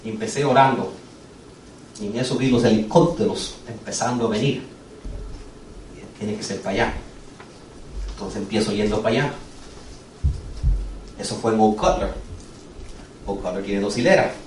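A man's voice: fairly low pitch, moderate pace, long pauses, darkish tone, echoey room, distant mic, slight background noise, low-quality recording. A man preaching a sermon, telling a personal testimony with earnest, urgent storytelling. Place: church sanctuary.

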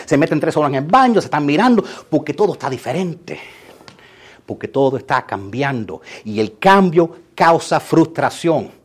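A middle-aged man, preaching a lively sermon and acting out quotes, sometimes shouting. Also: on the high side, normal speed, few pauses, husky. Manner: animated, acts out quotes and shouts for emphasis. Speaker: pastor.

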